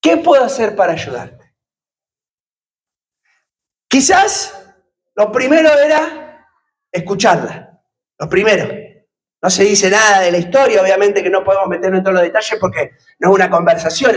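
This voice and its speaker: A man's voice: high voice, normal speed, long pauses, poor audio. A man preaching a sermon, putting questions to the congregation and joking with them. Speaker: pastor.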